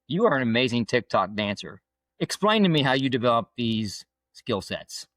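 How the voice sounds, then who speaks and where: A man's voice: mid-range voice, very animated, normal speed, fairly bright tone, no room sound. A man hosting a hunting podcast, asking friendly, upbeat questions of his guest. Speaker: podcast host. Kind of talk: podcast interview.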